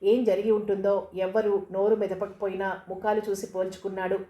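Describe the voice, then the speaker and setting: A woman's voice: medium pitch, flat delivery, brisk, mellow, reverberant. A woman narrating a novel, acting out the characters' lines as she reads. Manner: voices the dialogue of the characters. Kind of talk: novel reading.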